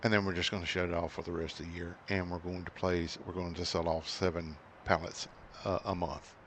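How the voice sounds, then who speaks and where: A man's voice: low-pitched, little pitch movement, brisk, fairly bright tone, slight background noise. A middle-aged man hosting a farming game video, rambling and ranting in casual commentary with lots of fillers and restarts. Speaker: gaming channel host.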